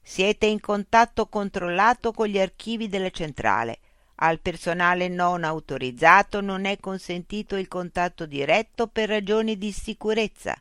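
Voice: mid-range voice, normal speed, fairly bright tone, clean tone, no echo, clean studio sound, pitched above the performer's own voice, lightly acted. A narrator voicing a cold bureaucratic machine information unit that recites rules in a rigid, officious way. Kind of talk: audiobook character voice.

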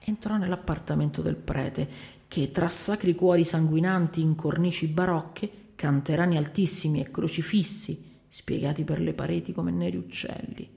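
A woman reads a short story aloud with expressive storytelling. Her voice is low and gravelly, with a rough texture. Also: moderate pace.

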